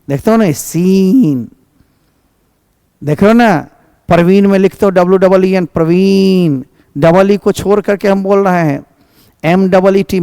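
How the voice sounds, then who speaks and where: A man with a high voice teaches English pronunciation in an Indian English accent, mixing Hindi and English. He spells out example words slowly and draws each one out. His voice sits close to the mic with a dry sound. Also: darkish tone, clean tone, no echo. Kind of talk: classroom lesson on pronunciation.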